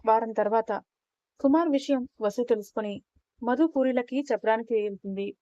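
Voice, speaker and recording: A woman reading a scripted story in a steady, plain narrating manner. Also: on the high side, normal speed, no room sound. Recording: dull, dry lo-fi recording.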